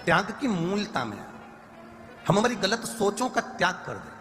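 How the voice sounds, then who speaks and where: Guy preaching a devotional sermon, kinda high voice, long echo in a big hall. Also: sing-song, normal speed, over music. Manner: preachy, repetitive lists, rising emphatic lines. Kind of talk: Hindi religious discourse. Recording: reverberant hall with faint ambient noise.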